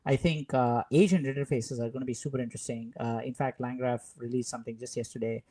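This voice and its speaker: A man's voice: medium pitch, steady tone, warm tone. Easygoing man in casual tech chat. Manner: easygoing, quick to laugh, filler-heavy. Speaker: podcast co-host.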